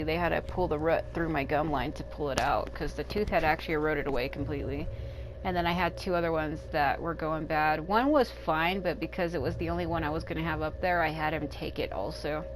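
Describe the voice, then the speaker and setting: A woman in her thirties, speaking at home as a let's play gamer in casual, rambling gameplay commentary and thinking out loud. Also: deep voice, noisy background. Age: 30s. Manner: rambling and candid, thinking aloud. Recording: game music playing under the voice.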